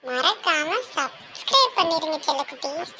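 A woman's voice: high voice, big pitch swings, moderate pace, very noisy. A woman host signing off a video, chatty and affectionate toward viewers. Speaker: channel host. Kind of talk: video sign-off.

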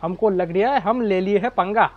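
A young man giving casual, chatty gameplay commentary, full of excited exclamations. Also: high voice, normal speed, dull audio. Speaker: gaming YouTuber.

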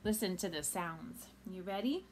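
A woman reading a picture book aloud to children, animated and asking them questions. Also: on the low side, normal speed, slight background noise. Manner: animated, asks young listeners questions. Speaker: storytime reader.

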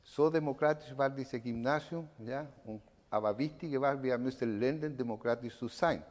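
Standing at a lectern in an indoor event room, a Chilean man in his sixties gives an eyewitness testimony to an audience, his Chilean Spanish accent clear as he haltingly searches for words outside his native Spanish. His mid-range voice is a little mellow, picked up by a stand microphone in a reverberant hall.

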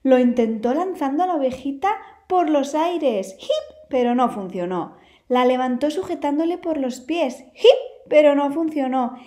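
A woman with a Spain Spanish accent, reading a children's storybook aloud in an expressive, lively way. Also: sits high, normal speed.

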